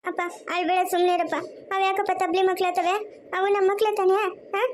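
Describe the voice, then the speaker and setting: A woman's voice: very high voice, little pitch movement, a little fast, a little hiss or hum. A woman voicing an older village woman in a family cartoon, coaxing and soothing others.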